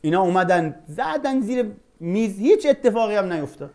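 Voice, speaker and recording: A man teaching a Quran class in a relaxed, conversational way, slowing down to recite Arabic verses. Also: high voice. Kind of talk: informal religious lesson.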